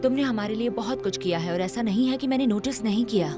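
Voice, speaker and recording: A woman's voice: fairly high pitch, fast talker, close to an everyday voice. A woman dubbing an eager, loyal young colleague who speaks in a supportive way. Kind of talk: Hindi movie dub. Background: background music.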